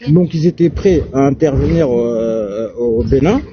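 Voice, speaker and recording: A man joining a debate from traffic, halting and repeating words. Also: medium pitch. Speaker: debate participant. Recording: dull lo-fi line with traffic noise.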